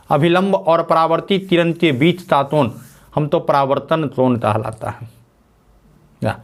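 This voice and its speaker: Male teacher with a fairly high voice, dictates slowly and repeats key terms, poses questions and answers them himself. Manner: slow dictation, repeats phrases, asks and answers his own questions. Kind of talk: classroom physics lesson.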